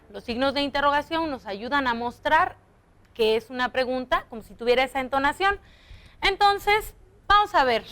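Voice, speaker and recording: Slow, bright-voiced woman teaching children. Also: high-pitched. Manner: slow, patient, stretches example sentences to show intonation. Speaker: primary school teacher. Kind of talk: televised classroom lesson.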